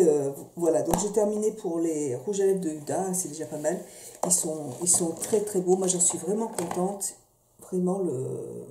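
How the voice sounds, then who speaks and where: Fairly low and warm in tone, a woman vlogging about beauty products talks casually from a room in her home. She's chatty but unsure, with plenty of fillers and restarts, and the recording carries echo and faint noise.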